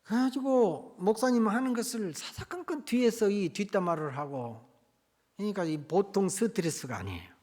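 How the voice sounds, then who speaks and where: A man preaching as a pastor, telling a sermon story in an animated way that swings between loud and hushed. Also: high voice, moderate pace. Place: church.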